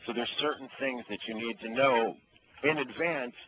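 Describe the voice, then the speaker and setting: A man's voice: mid-range voice, normal speed. A man explaining things over the phone like a store employee, in a matter-of-fact, instructive way. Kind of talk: explanatory customer-service phone talk. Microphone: telephone. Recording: muffled, faintly noisy phone line.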